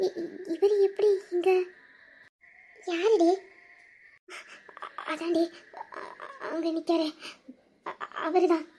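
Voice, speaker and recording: A woman voicing a young woman recovering from a fever, who talks softly and hesitantly in an audio drama. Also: very high voice, normal speed, pauses often, a little hiss or hum. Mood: puzzled. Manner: soft, hesitant, wondering.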